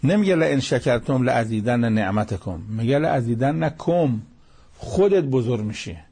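A man explains a holy text line by line in a religious lesson. His voice is gravelly and husky. He hammers points home by repeating phrases. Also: medium pitch, very animated, warm tone. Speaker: Quran commentator.

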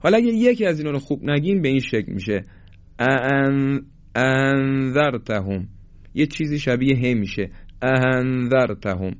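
A man teaching a tajwid lesson in Persian, explaining each sound and then demonstrating it slowly and drawn out. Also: fairly high pitch, expressive, darkish tone, muffled recording. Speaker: Quran recitation teacher.

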